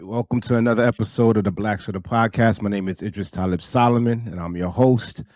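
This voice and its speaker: Low-voiced podcast host man. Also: darkish tone, no room sound, studio quality. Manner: measured, many "um"s and backchannels. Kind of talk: podcast interview.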